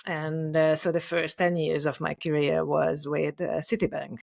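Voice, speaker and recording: A woman's voice: low voice, level tone, unhurried, gravelly. A middle-aged woman from Hungary, a native Hungarian speaker, answering interview questions as a company CEO, with many fillers and restarts. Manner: hesitant, many fillers and restarts, laughs softly. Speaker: podcast guest, company CEO. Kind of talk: interview conversation.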